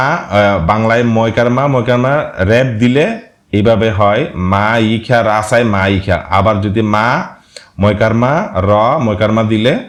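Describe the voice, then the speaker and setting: A man reading viewer comments aloud in casual commentary, pausing often and spelling words out syllable by syllable. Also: lowish voice. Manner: reads slowly, spells out words syllable by syllable, frequent hesitations.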